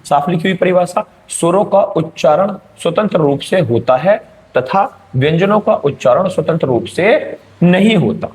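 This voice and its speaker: A man's voice: high voice, expressive, moderate pace, a little mellow. A male teacher giving an exam-prep grammar lesson, explaining step by step and checking in with his students.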